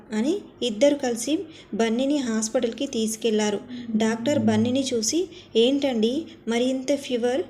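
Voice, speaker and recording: A woman narrating a family drama story, reading every part in one steady voice. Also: on the high side. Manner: reads all parts in one steady voice.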